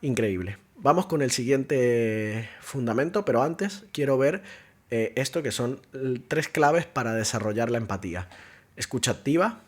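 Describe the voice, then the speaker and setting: A man's voice: mid-range voice, husky. A man teaching an online course lesson as a contact center trainer, explaining step by step, acting out short agent lines and asking rhetorical questions.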